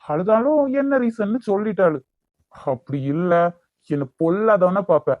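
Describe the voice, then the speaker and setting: Here the Kanyakumari Tamil-accented man voices a hot-tempered, bossy young lover for a cartoon, sounding brusque and demanding. His pitch is a little high and near his normal voice, the pace is moderate, and there's no room sound, though the lo-fi recording is dull.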